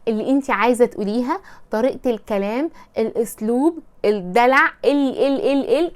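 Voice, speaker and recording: A woman with an Egyptian accent talks fast in a high voice, giving casual advice. She is chatty and keeps slipping into playful mock voices to act out small scenes. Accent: Egyptian Arabic. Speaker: advice presenter.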